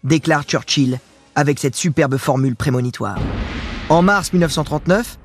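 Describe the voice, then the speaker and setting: Guy with a slightly high voice telling history, chatty little asides to you, quiet music behind. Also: moderate pace. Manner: chatty, addresses the listener directly. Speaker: history narrator. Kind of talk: scripted history narration with casual asides.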